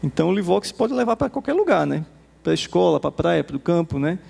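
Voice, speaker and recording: A Brazilian Portuguese-accented man giving a conversational conference presentation to teachers. He demos software and tags nearly every phrase with a quick "né?". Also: high-pitched, big pitch swings, vocal fry, breathy edge. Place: conference hall. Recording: reverberant hall.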